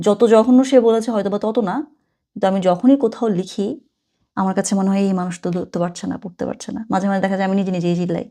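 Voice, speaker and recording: A woman gives a relaxed online language lesson. Her talk is chatty and informal, and she slows right down to sound out each example phrase with care. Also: mid-range voice. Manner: casual, chatty, mixes languages, reads German slowly and carefully. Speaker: German language teacher.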